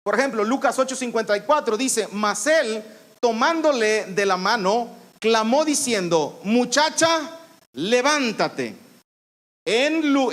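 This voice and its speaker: A man's voice: very high voice, fairly bright tone. A man, a pastor preaching a sermon in church, explaining scripture and repeating phrases for emphasis. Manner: teaching, explains scripture, repeats phrases, calls out commands with authority.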